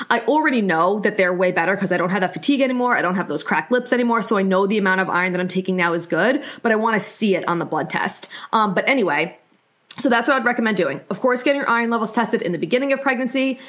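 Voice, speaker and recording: A woman's voice: medium pitch, fairly bright tone. A young woman hosting a podcast, giving advice in a casual, chatty and informal way as she explains things. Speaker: podcast host.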